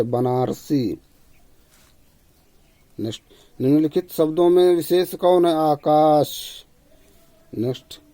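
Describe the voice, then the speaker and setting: Man teaching Hindi spelling, dry voice. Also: no echo. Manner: reads each question, then drops low and quiet to give the answer; repeats himself, tag "है ना". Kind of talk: casual exam-prep lesson.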